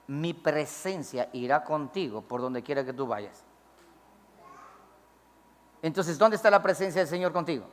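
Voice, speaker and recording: A man preaching a sermon as pastor, emphatic, swinging between loud calls to the congregation and low asides. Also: long reverb tail. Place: church.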